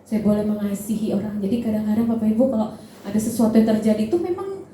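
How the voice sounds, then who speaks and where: A woman's voice: mid-range voice, lively intonation, quick pace, mellow, a little hiss or hum. A woman preaching a sermon, telling a personal story and talking directly to the congregation in a conversational way. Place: large church hall. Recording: echoey church hall.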